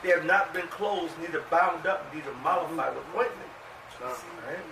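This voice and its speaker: A man leading a bible study, reading scripture aloud and commenting in a loud, animated, profane way. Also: on the high side, moderate pace. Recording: roomy room, distant mic, background noise.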